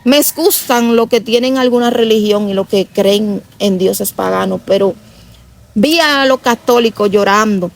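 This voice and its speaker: A woman's voice: mid-range voice, a little slow, vocal fry. A woman giving an emotional religious testimony, telling her story earnestly and repeating herself often.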